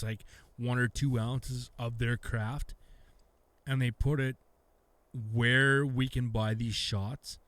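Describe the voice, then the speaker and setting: A man's voice: medium pitch, no room sound. A Canadian man co-hosting a beer podcast, talking casually with lots of swearing and restarts. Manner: profane, rambling, restarts often. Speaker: podcast co-host.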